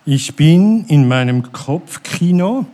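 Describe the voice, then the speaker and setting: Brief: middle-aged male church speaker, very slow and calm, mellow warm tone, sermon delivery. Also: on the high side.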